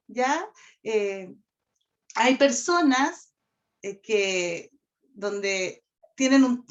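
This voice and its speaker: Woman instructor, higher voice, steady lecture with "¿cierto?" check-ins, muffled lo-fi sound. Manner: addresses class directly, frequent "¿ya?" and "¿cierto?" check-ins. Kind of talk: online lecture on communication. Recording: dull lo-fi audio.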